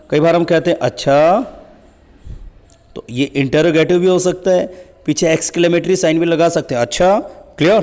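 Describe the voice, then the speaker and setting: Guy teaching grammar quiz style, kinda high voice, long echo in the room, keeps asking "clear?". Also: darkish tone. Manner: quizzing, urging quick answers, checking "clear?". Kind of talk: exam-prep quiz lesson.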